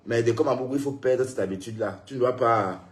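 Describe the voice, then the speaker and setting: A man's voice: mid-range voice, fast. A man ranting in a casual live stream, scolding a critic and talking straight to his viewers, tired after his day.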